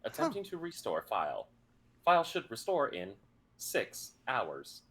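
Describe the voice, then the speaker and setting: A game master voicing a flat, robotic machine voice that speaks inside a character's head, giving clipped, monotone status reports. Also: mid-range voice, unhurried, full character voice. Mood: flat, mechanical. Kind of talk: tabletop game voice acting.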